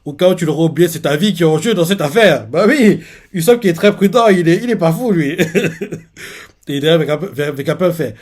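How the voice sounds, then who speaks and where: A young man recapping and reacting live to a manga chapter, lively and laughing, with many hesitations as he narrates scenes. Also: on the high side, a little fast.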